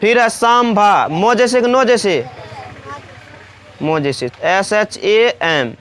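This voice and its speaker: A woman teacher gives children a slow, classroom-style spelling lesson, asking questions and answering them herself, repeating every point. Her medium-pitched voice is animated and a bit bright, and she takes it slowly.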